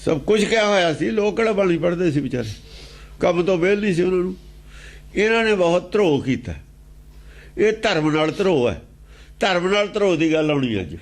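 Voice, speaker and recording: A man's high voice carries lively intonation at a brisk clip, broken by long pauses. He's a religious teacher with a Punjabi accent giving a scripture exposition, echoing key phrases and asking rhetorical questions.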